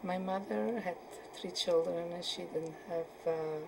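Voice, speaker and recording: A woman in her seventies from Poland, answering questions in an oral history interview and often pausing to search for words. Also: fairly low pitch, steady tone, gravelly, background noise. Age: 70s. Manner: hesitant, searching for words with many fillers.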